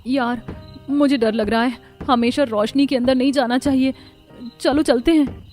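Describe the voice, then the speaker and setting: A woman voicing a frightened young woman camping with friends in a cartoon, excitable and anxious. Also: high voice, moderate pace, faint music behind, lightly acted. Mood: scared. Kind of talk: cartoon voice acting.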